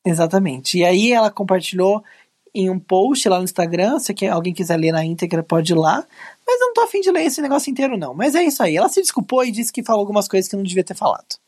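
A Brazilian woman co-hosting a talk show with a husky, slightly breathy voice at a mid pitch. She presents news items conversationally and drops in quick asides. The recording is dry and close. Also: big pitch swings, a little mellow, dry recording. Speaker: co-host. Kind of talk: casual news commentary.

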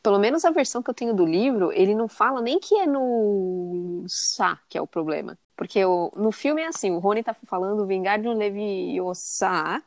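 A woman's voice: mid-range voice, animated, fairly quick, few pauses, darkish tone, dry recording, studio quality. A woman co-hosting a podcast, listening with frequent "uhum" and adding side notes in casual chat. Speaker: podcast co-host.

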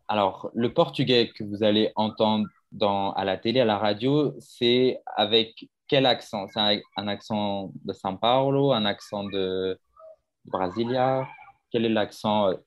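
A man's voice: on the low side, highs cut off. A man teaching a French conversation class, explaining at length and putting questions to his students.

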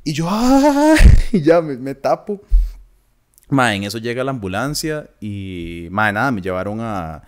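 Young costa rican guy on a podcast, animated story, does the voices, laughs a lot. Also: on the low side, measured pace. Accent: Costa Rican Spanish. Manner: animated anecdote-telling, acts out quoted voices, laughs often. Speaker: podcast co-host. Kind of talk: casual chat, storytelling.

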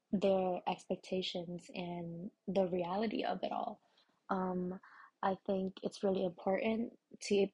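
A woman hosting a casual solo podcast, sounding stoned and scattered, with a husky, slightly breathy voice. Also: medium pitch, a little mellow, poor audio. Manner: stoned, giggly and scattered, losing her thread. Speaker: podcast host.

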